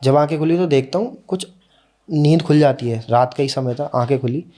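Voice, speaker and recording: A man's voice: on the high side, steady tone, warm tone. A young man, a podcast guest, earnestly telling a personal story in casual conversation. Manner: earnest, emotional retelling, slows down at key moments.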